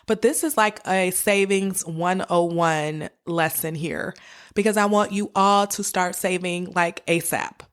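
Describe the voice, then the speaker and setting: This podcast host, a woman with a mid-range voice, coaches listeners in a conversational, encouraging personal finance monologue, speaking straight to them. She has a cold, with a cough and sore throat that leave her slightly raspy.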